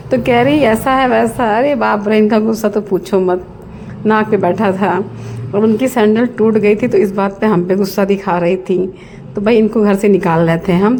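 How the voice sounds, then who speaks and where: A middle-aged woman tells the story of her family's day in a chatty, homely way. Her voice is mellow and warm. A faint hiss sits under the recording. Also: mid-range voice, normal speed. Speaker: family vlogger. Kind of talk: voice-over narrating a family day vlog.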